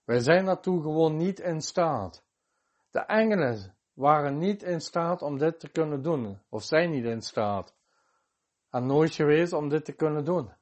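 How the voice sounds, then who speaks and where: Emphatic preacher giving a sermon. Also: male voice, fairly high pitch, animated, measured pace. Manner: quotes scripture with chapter and verse, emphatic.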